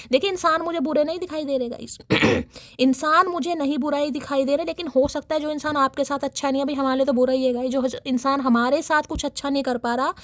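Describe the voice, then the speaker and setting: High-voiced woman giving a chatty tarot reading. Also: no echo. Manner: chatty, addresses viewers as guys, frequent throat clearing. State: dry, irritated throat. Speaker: tarot reader.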